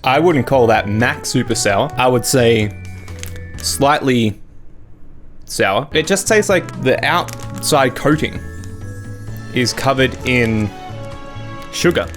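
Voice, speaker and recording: A man's voice: mid-range voice, animated, slow, pauses often, a bit bright. A young adult man chatting casually and drily as host of a taste test, talking while he eats sour candy. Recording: music behind the voice. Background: background music.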